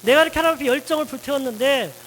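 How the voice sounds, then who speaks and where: A man's voice: very high-pitched, rapid-fire, fairly bright tone, in a large hall, slight background noise, voice pushed up, poor audio. A man voicing an exhausted, aggrieved male prophet who pours out complaints to God. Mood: complaining. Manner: pleading, complaining outbursts.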